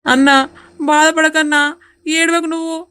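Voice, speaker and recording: A woman's voice: high voice, level tone, fairly bright tone. A woman voicing a meek young village brother. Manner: meek, quick agreement. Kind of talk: cartoon voice acting.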